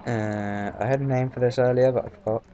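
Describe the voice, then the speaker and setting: A British let's-play commentator speaks fairly quickly in a steady, medium-pitched voice with a dark tone. His rambling, casual gameplay chatter is heavy with fillers and swearing. A dull lo-fi mic catches faint background noise too.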